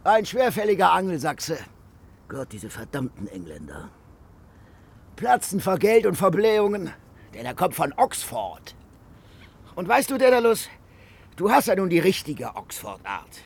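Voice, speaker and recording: A boisterous young prankster delivers mock sermons and teasing jabs with a high, bright, lively voice. The tone keeps leaping up and down, slow and theatrical, with a gravelly edge in this radio drama. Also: male voice, full character voice. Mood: scornful. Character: boisterous young man mocking priests, jovial.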